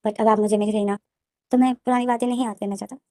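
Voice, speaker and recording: A woman voicing a gentle, consoling young man. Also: a little high, fairly even intonation, fast talker, dry recording, clean studio sound, close to an everyday voice. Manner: soft, consoling. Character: gentle young man, long-lost son, soothing.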